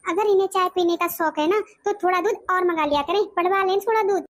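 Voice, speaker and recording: A woman's voice: very high voice, fast talker. A woman voicing a blunt, defiant elder daughter-in-law in a cartoon. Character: defiant sharp-tongued young daughter-in-law. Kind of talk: cartoon voice acting.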